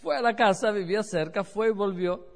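A man's voice: high-pitched, fairly quick, vocal fry, long reverb tail. A middle-aged man with an Argentine accent, giving a sermon full of anecdotes and acting out the voices of the people in them. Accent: Argentine Spanish. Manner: storytelling, acts out quoted voices. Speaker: rabbi.

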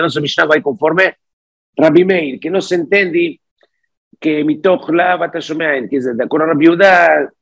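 A man's voice: a little high, slightly rough. A man teaching a study lesson. He reads phrases aloud, then explains them, and slips Portuguese words into his talk. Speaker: Talmud teacher.

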